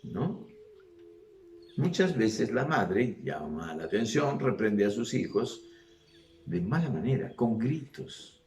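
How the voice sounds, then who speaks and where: A man's voice: lowish voice, slow, echoey room, a little hiss or hum. A man preaching a sermon with rhetorical questions, acting out the people he talks about. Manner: animated, acts out voices, rhetorical questions.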